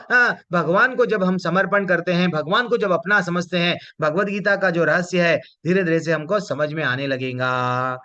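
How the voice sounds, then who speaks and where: A man's voice: sits high, bright, forceful tone. A man teaching a devotional scripture class, posing rhetorical questions and reciting Sanskrit verses. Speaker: Bhagavad Gita teacher. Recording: dull lo-fi recording.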